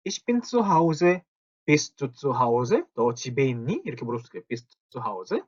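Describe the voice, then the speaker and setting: A man gives a German grammar lesson, stretching out each German example sentence slowly. His pitch rises and falls a great deal as he explains, and the recording sounds dull and lo-fi. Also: sing-song, breathy edge. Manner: slow, drawn-out German example sentences between Korean explanations. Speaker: German language teacher. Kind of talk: spoken grammar lesson at a whiteboard.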